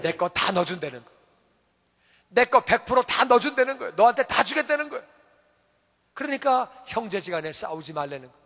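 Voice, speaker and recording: A man preaching a sermon as pastor, telling a story in a lively way and acting out what the people in it say. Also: high voice, fairly quick, pauses often, long reverb tail. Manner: animated storytelling, acting out quoted speech. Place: church sanctuary.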